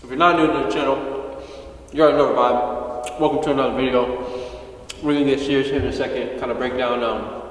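A man's voice: medium pitch, steady tone, quick pace, long pauses. Breathless young man in an echoey gym. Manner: loose, slangy and chatty. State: out of breath after training. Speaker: fitness YouTuber. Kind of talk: casual vlog chat. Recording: echoey room from far off.

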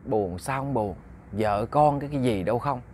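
A man voicing the sullen ghost of an old man, low and brooding. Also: lively intonation, normal speed, lightly acted. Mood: gloomy.

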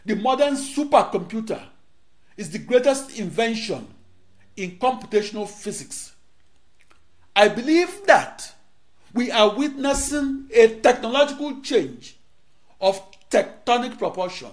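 Speaking in a sing-song way with a notably high-pitched voice, a middle-aged Nigerian man, native in Igbo, presents a rehearsed lecture. Short declaimed phrases are broken up by dramatic pauses, and a lapel mic records him closely in a studio.

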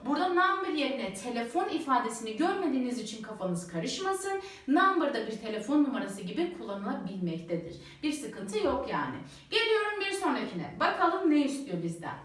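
A high-voiced woman teacher whose pitch rises and falls a lot as she explains worksheet answers. She stretches out each English sentence she reads aloud. The recording has a strong room echo, and she sounds set back from the microphone. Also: recorded from a distance. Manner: lively, slows down to read English sentences aloud. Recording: roomy echo, voice a bit off mic.

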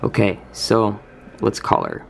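A man hosting a casual vlog, talking in jumpy, scared exclamations and sometimes dropping to a hush. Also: on the low side, huge pitch swings, slow, gravelly, slight background noise. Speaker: YouTuber host.

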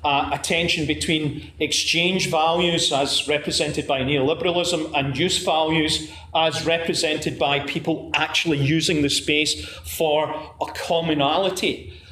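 A Glasgow man, a conference presenter, stands at a podium in a lecture room giving an academic talk in a measured way, with frequent "uh" fillers and restarts. His voice is fairly high, steady, pushed and bright. The lecture hall is echoey with faint room hiss.

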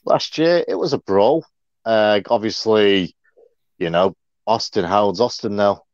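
On a casual livestream, this co-host talks a little slowly in a somewhat low voice, chatting and rambling with plenty of fillers. The recording is dry and dull, like a lo-fi mic in a dead room.

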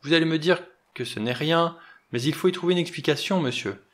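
A man's voice: mid-range voice, animated, unhurried, fairly bright tone. A man voicing a deferential, shaken elderly butler who pleads anxiously in an audiobook. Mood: anxious pleading.

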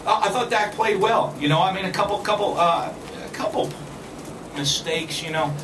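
In a press room with a backdrop, a football coach in his forties fields postgame questions in a high-pitched, measured voice full of fillers and restarts. His podium mic is filmed from a distance, so the audio is echoey and far from the camera, with crowd and background noise.

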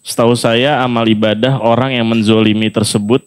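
A man's voice: medium pitch, steady tone, brisk, clean tone. A man moderating a religious talk, politely reading out audience questions to the preacher. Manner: polite, deferential.

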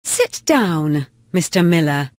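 A woman reads short phrasebook lines at a very slow, deliberate pace. Her pitch rises and falls widely from phrase to phrase. The sound is dry and close. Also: big pitch swings, no echo. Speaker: English phrase reader. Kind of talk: slow scripted phrasebook reading.

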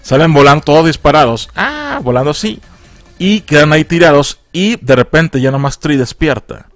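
A man's voice: on the high side, animated, normal speed, no echo, soft background music. A man with a Mexican accent, recapping a film in a casual, slangy way and acting out characters' lines in a raised voice. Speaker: film reviewer.

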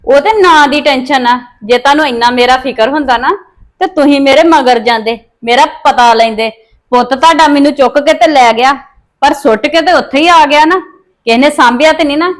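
A woman with a Punjabi accent playing a bitter, scheming daughter-in-law who speaks in sharp, scornful retorts. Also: high-pitched, fairly quick, lightly acted. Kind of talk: amateur family drama acting.

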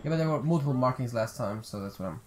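A man's voice: mid-range voice, expressive, racing. A man chatting casually as he plays and comments on a video game. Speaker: gamer playing and commentating. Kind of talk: casual let's play chat. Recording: faint noise, game sound underneath. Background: game ambience.

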